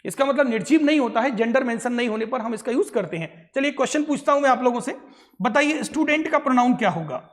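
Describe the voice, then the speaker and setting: A man's voice: extremely high pitch, animated, fast, big-room sound. A male English grammar teacher gives a classroom lecture in Hindi mixed with English. He keeps repeating answers and checking in with short tag questions. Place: coaching classroom.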